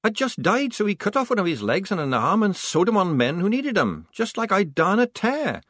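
A man's voice: high-pitched, sing-song, moderate pace, fairly bright tone, dry recording, studio quality, pitched above the performer's own voice, full character voice. A man voicing a small young male soldier, chattering breathlessly. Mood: eager.

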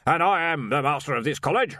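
A man doing a booming, bossy old wizard. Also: animated, fast, sharp tone, no room sound, clean studio sound. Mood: blustering. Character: blustering older male wizard headmaster. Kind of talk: audiobook character voice.

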